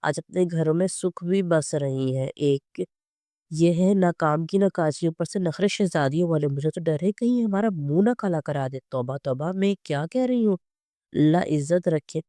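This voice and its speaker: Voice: medium pitch, expressive, moderate pace, warm tone, no echo, close to an everyday voice. A narrator doing a scolding hot-tempered mother. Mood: muttering. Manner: scolding, threatening, muttering. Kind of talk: storybook reading.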